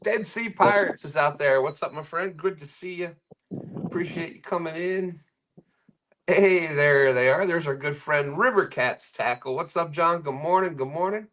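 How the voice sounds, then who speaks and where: A man's voice: a little high, normal speed, fairly bright tone. A man hosting a live fishing stream, casually greeting viewers and reading their comments aloud with frequent chuckles.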